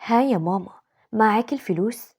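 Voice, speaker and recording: A woman voicing a naive, chatty young Egyptian sister-in-law. Her breathy, mellow voice moves quickly. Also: mid-range voice.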